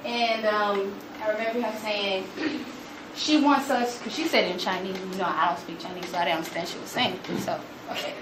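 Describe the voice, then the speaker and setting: A young woman gives an animated storytelling talk to an audience, acting out quotes in a higher voice. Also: fairly quick, over music. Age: young adult. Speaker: student speaker. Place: room with an audience. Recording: echoey room, noticeable background noise.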